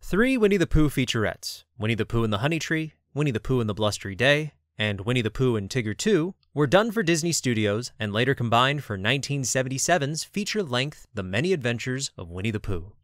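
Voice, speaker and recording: A man narrates a documentary script with a very lively, rising and falling delivery. His voice sits at an ordinary pitch and sounds close and dry, with no room around it. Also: fairly quick, hardly any pauses, dry recording.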